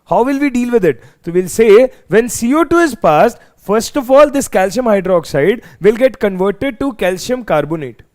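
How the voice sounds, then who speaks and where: A man's voice: sits high, expressive, normal speed, few pauses, a little mellow. A man with a North Indian accent teaching a live exam revision lesson, emphatic and often repeating phrases for students. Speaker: chemistry teacher.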